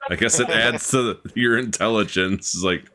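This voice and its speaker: Streamer type, man, lowish voice, teasing and quick to yelp at mishaps. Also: sharp tone, a little hiss or hum. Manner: teasing, yelps and laughs at game mishaps. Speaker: streamer and host. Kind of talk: casual gaming chat.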